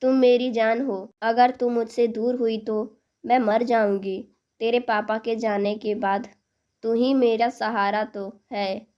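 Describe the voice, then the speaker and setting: A woman voicing a tearful middle-aged mother pleading with her daughter, speaking slowly. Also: on the high side, level tone, a little mellow. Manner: pleading, emotional.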